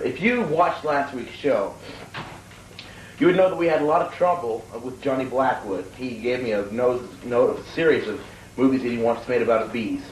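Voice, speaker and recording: A man hosting a homemade sketch show, ranting in indignant mock seriousness. His pitch sits in the middle range. He is recorded from a distance in an echoing room with faint noise behind him. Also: darkish tone. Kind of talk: mock-serious comedy monologue. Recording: echoey, distant, slightly noisy room.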